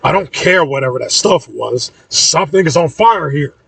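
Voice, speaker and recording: Man doing a tough young heroine, raised pitch, urgent, husky, a little far from the mic. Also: lively intonation, moderate pace, fairly bright tone, dry recording, exaggerated voice. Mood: annoyed. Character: bold, tough young woman fighter.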